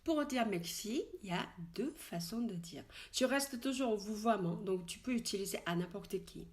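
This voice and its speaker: A woman teaches in French with frequent fillers and restarts. She slowly repeats each expression several times so it can be copied. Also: mid-range voice, animated, a little mellow. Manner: slow, repeated model pronunciations of Korean words. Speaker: Korean language teacher. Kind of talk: casual spoken language lesson.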